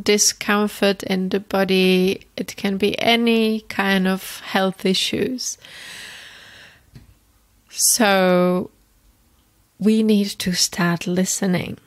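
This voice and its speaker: A Czech woman in her thirties speaks in English with a Czech accent, slowly and with a flat, even melody. Her voice carries a gravelly fry, and it is recorded close and dry. She tells a personal story gently, often circling back and repeating phrases. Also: medium pitch, no echo. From Czech Republic. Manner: reflective, gentle, with frequent restarts and repetitions. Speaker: podcast host.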